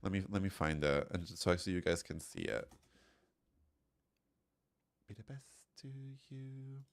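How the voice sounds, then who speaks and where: A man's voice: sits low, very animated, unhurried, gravelly, a little hiss or hum. A young man with an Austrian accent chatting casually with his stream chat and laughing often.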